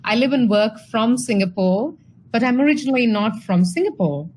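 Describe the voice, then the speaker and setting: A woman's voice: fairly high pitch, lively intonation, normal speed, a little mellow, slight background noise, low-quality recording. A woman from India giving an online presentation over a video call, chatty and full of fillers and restarts. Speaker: speaker at an online talk.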